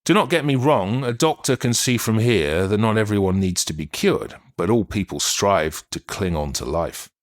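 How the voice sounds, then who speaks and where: Brief: male narrator as a sad, apologetic ghost of a writer, low-pitched, musing, lively phrasing. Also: moderate pace, hardly any pauses, lightly acted. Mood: melancholy. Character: spirit of a dead male writer and doctor, weary, melancholy. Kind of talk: audiobook reading of a channeled letter.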